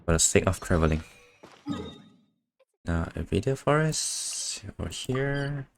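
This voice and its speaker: A game streamer mutters to himself in casual, unscripted live commentary as he plays, faint game music behind him. He has a deep, creaky voice that is expressive and slow.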